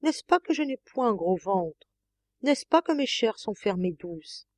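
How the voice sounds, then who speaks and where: A heartsick lady of the house begs and laments in a swooping, tearful voice, as a woman reader puts her on. Her pleas climb high and sink low. The sound is dry and close. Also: very animated, unhurried, dry recording. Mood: lamenting. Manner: pleading, moaning, breaking into sobs. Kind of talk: audiobook character voice.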